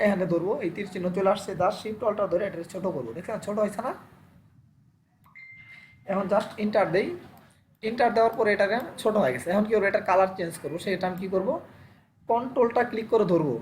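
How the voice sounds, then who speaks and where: Rapid-fire tutor. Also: medium pitch, darkish tone, slight background noise. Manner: asks and answers own rhetorical questions, repeats steps. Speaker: Photoshop instructor. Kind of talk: live online class, screen-share tutorial.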